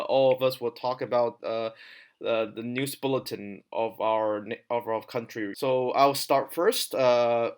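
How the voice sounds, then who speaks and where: A man hosts a casual call-in podcast from home at a middling pitch. He stops and restarts often, filling gaps with "uh" as he reads out the news. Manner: hesitant, many "uh" fillers and restarts. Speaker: podcast host.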